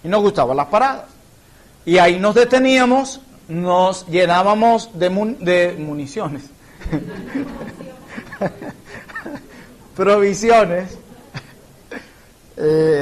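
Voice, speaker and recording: A man's voice: sits high, lively intonation, takes it slowly, long pauses, a little hiss or hum. A man from Colombia, a pastor, teaching a church Bible class in an earnest, explanatory way and illustrating points with personal stories.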